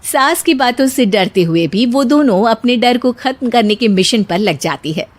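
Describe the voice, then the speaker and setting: Lively female cartoon story narrator. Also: a little high, moderate pace.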